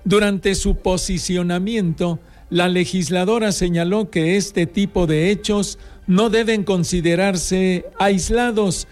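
A man with a Mexican Spanish accent reading regional news items in a steady, formal delivery. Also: sits high. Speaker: radio news reader. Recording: faint music bed behind voice.

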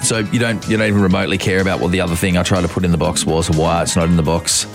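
A man's voice: deep voice, steady tone, racing. A man bantering playfully and casually as a breakfast radio host. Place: radio studio. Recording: music behind studio radio talk.

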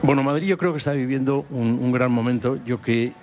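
A man's voice: medium pitch, brisk, darkish tone, faint music behind. A man from San Sebastián, a company founder, answering interview questions hesitantly with many restarts. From San Sebastián, Spain.

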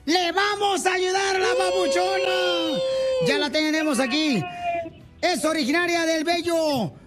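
A man hosting a lively radio talk show, animated and playful, calling his guest pet names. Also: very high-pitched, a little slow, over loud music.

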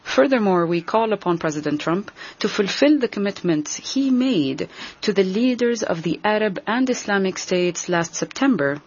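A woman giving a translation voice-over as an interpreter, rendering a formal speech in a measured, deliberate way. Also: medium pitch, lively intonation, a little mellow, husky, highs cut off. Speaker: simultaneous interpreter.

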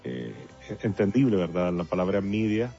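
A man from El Salvador speaks in a deep, gravelly voice. He is a guest in a relaxed interview and talks haltingly, with many fillers and restarts. The recording is dull and lo-fi, with faint music behind him. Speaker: guest songwriter and producer. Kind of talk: casual interview talk.

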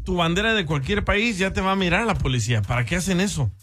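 Lively co-host with a swooping voice. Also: male voice, high-pitched, fast talker, soft background music. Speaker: radio co-host.

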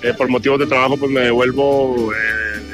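A man from Chihuahua, interviewed as a fan outdoors, relaxed with hesitant fillers. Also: medium pitch, moderate pace, music in the background. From Chihuahua, Mexico. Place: outdoor fan festival plaza.

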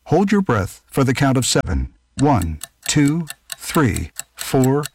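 A man calmly guiding a breathing exercise in a radio public service spot. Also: medium pitch, a little hiss or hum. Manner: calm, measured, instructive. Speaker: ad announcer. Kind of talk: guided breathing instruction.

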